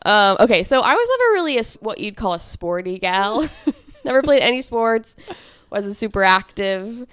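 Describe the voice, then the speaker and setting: A woman in her thirties co-hosting a podcast, telling an embarrassing story in casual chat and acting out quotes with big jumps in pitch. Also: very animated, normal speed, a bit bright, clean tone, no echo, clean studio sound. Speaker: podcast co-host.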